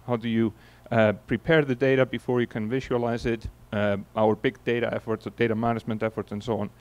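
A keynote speaker, an Icelandic man in his forties with an Icelandic accent, tells relaxed stories with plenty of fillers and restarts. He speaks at a medium pitch into a handheld microphone on stage in a large conference hall.

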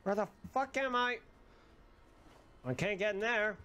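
High-pitched young man, sweary gaming commentary. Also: lively intonation, measured pace, sharp tone, clean tone. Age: young adult. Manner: sweary, sarcastic. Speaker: gaming streamer. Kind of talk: casual gameplay commentary. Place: small bedroom-like room indoors.

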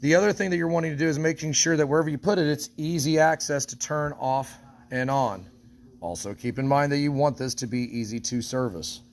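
A man's voice: on the high side, a little fast. Man giving a hands-on equipment walkthrough. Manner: practical, explains step by step while handling parts. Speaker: equipment shop instructor.

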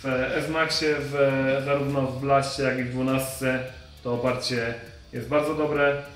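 A young man reviewing skis in a shop, explaining in a measured way and pausing to find his words. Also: medium pitch, fairly even intonation, fairly bright tone. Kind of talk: product review. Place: ski shop, indoors. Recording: echoey shop with faint music.

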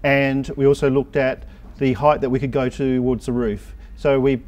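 A man in his fifties, a consultant, explains things in a measured way during an interview in a warehouse, with a lapel mic. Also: mid-range voice, little pitch movement, a little mellow. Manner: measured, explanatory, some hesitant restarts. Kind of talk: on-site interview. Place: large indoor warehouse.

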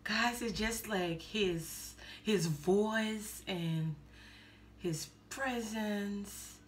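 A middle-aged woman hosts a music reaction video, seated in a gaming chair in a small indoor room and chatting enthusiastically with viewers she calls "guys." Her voice is medium in pitch and very slow, with a slight hiss or hum. She tends to repeat words while giving casual reaction commentary.

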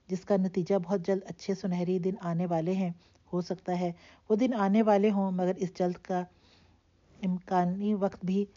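A woman's voice: fairly low pitch, natural voice. A woman voicing a blunt, needling young man. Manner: flat, pointed, needling tone. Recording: dull lo-fi recording.

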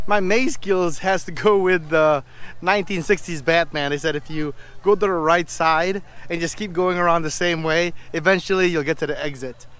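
A man's voice: fairly high pitch, lively intonation, unhurried, fairly bright tone, clean tone. A man hosting a family travel vlog, talking in an upbeat, chatty way outdoors to a handheld camera. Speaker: vlog host. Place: outdoors at a farm.

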